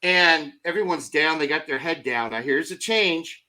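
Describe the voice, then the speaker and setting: A middle-aged man on a motivational podcast, telling energetic stories full of rhetorical questions and acted-out asides. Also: on the high side, moderate pace. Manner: acts out his own thoughts in quoted asides. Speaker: podcast guest.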